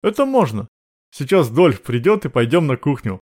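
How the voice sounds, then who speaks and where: A man voicing an older male guard boss, calm, flat and matter-of-fact. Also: medium pitch, moderate pace.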